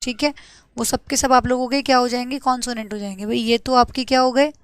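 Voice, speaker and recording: A young woman teaching an English grammar lesson to exam students, asking and answering her own questions and spelling out letters slowly. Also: a little high, steady tone, clear, resonant tone, dry recording.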